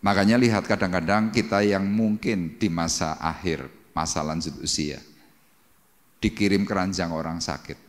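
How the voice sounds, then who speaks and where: In a church hall full of long reverb, a deep-voiced male pastor speaks at a normal pace. His Pentecostal sermon is dramatic, with cries and sound effects acted out for the congregation.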